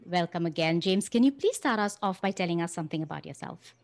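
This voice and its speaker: Woman podcast host, lower-pitched voice, dry close sound, measured deliberate delivery, interviewing a guest. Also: lively intonation, no echo. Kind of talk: scripted podcast introduction and interview. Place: currently in India.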